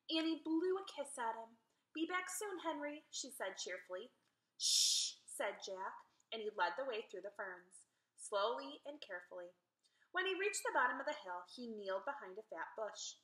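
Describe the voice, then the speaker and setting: Lively woman reading a kids' book aloud. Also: on the high side, roomy sound. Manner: expressive, animated storytelling. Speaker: reader.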